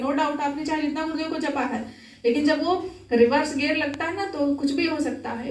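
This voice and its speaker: High-voiced woman preaching in an echoey hall. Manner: earnest, exhorting, conversational. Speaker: spiritual speaker. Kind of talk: Sunday talk to a gathering. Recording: echoey hall, mic at a distance.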